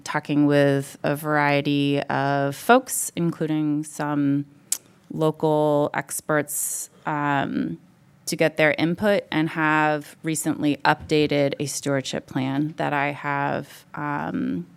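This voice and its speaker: A woman's voice: sits low, clear, resonant tone. A woman representing parks and recreation, speaking at a town board meeting in a hesitant way with many "um" fillers.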